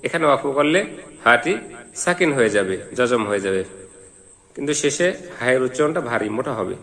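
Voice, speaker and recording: A man's voice: medium pitch, animated, a little fast, fairly bright tone. A man teaching Quran reading, spelling out letters and vowel marks syllable by syllable before chanting each verse. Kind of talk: slow syllable-by-syllable recitation lesson. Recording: long hall reverb.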